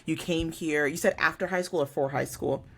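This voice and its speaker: Deep-toned woman host, encouraging interviewer, casual podcast. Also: normal speed, vocal fry. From Nigeria. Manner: encouraging, lots of short affirmations.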